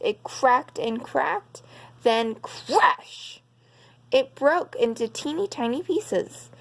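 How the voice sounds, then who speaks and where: Woman, storyteller, bedtime story, slow reading, slightly high voice. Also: darkish tone.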